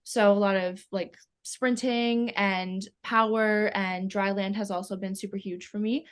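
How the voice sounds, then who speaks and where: A woman's voice: medium pitch, fairly even intonation, measured pace, clean tone. Chatty teenage girl full of ums. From Canada. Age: teens. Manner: chatty, many ums and likes, laughs often. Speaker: swimmer interviewee. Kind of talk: casual interview answers.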